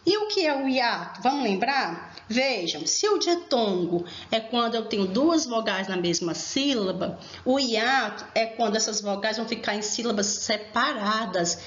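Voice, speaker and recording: A fairly high-voiced woman teaches a grammar lesson, stressing each point slowly and turning to her students with questions. Her voice rings in a reverberant room, and the recording sounds muffled and lo-fi. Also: expressive. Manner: slow, emphatic explaining, addresses students directly. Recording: echoey room, dull lo-fi sound.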